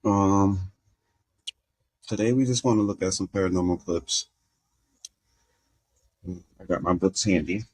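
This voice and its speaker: Deep-voiced man hosting a casual show. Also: a little slow, long pauses, slight background noise, rough recording. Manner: relaxed, rambling, self-deprecating. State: eating candy with a toothache. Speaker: podcast host. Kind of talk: casual chat.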